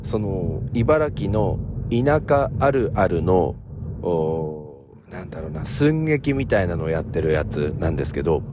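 Low-voiced man rambling on his talk show. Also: measured pace, noisy background. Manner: relaxed, rambling, many fillers. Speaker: podcast host. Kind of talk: casual solo talk radio.

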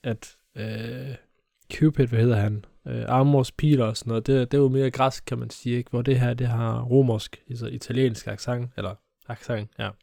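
A young man with a gravelly, creaky edge, chatting casually as a podcast co-host. He jokes a lot and stumbles through fillers and restarts. The sound is close and dry. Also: medium pitch, steady tone, dark tone, dry recording. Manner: joking, hesitant with many fillers. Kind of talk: casual chat.

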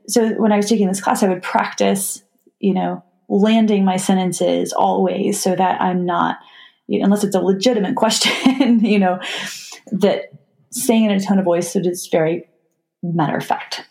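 A woman's voice: medium pitch, gravelly, darkish tone. Chatty laughing woman co-host. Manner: chatty, laughs often, many fillers. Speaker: podcast co-host, designer. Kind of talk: casual business podcast chat.

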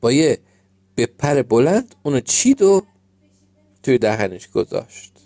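Mellow man reading a children's story. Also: medium pitch, sing-song, no echo.

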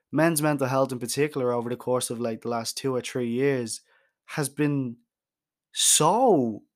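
A young man hosting a candid solo podcast, talking frankly and emphatically, swearing for emphasis, with many restarts. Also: medium pitch. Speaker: podcast host.

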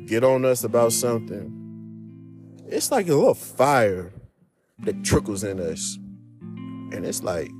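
A man talking earnestly and casually to his viewers, giving marriage and relationship advice and often calling them "man" and "y'all". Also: medium pitch. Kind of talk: casual heartfelt advice talk.

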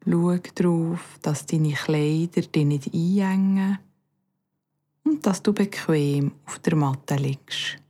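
With long pauses between phrases, a low-pitched woman with a Bernese Swiss German accent leads a soothing, calm meditation as a yoga nidra instructor. Her phrases end on a soft breath.

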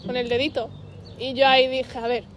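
High-voiced woman telling stories. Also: moderate pace, a little hiss or hum. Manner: animated storytelling with slang fillers. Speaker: podcast co-host. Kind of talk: casual chat.

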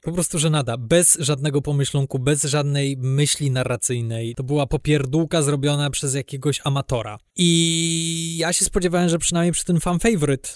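A man's voice: on the high side, fairly even intonation, moderate pace, hardly any pauses, dry recording, clean studio sound. A man co-hosting a podcast, chatting casually about film with sarcastic, exasperated rants. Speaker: podcast co-host.

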